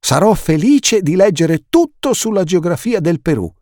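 A man's voice: high voice, normal speed, no echo, studio quality, pitched above the performer's own voice. A man voicing an eager, bookish teenage boy in an audiobook reading. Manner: eager, excited.

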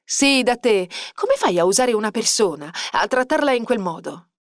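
A woman's voice: a little high, big pitch swings, moderate pace, no room sound. Female reader voicing an indignant young woman, reproachful, dry close mic. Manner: reproachful, confronting.

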